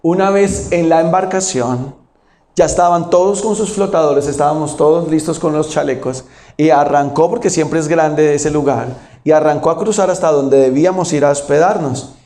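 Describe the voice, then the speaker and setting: A man preaching a sermon as pastor, telling stories and acting out Bible quotes with sudden high, loud bursts. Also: moderate pace, reverberant.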